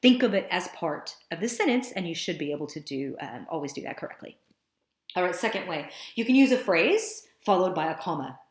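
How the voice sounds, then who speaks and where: A woman's voice: fairly low pitch, lively intonation, fairly quick. Woman teaching in an echoey room. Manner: explanatory, conversational, with fillers. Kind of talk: screencast lesson narration. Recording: roomy echo.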